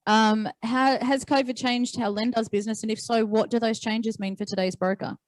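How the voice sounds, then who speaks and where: A woman's voice: on the high side, fairly even intonation, moderate pace, dry recording. A woman with an Australian accent moderating a live conference panel, chatty and playful, teasing the panelists. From Queensland. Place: conference venue.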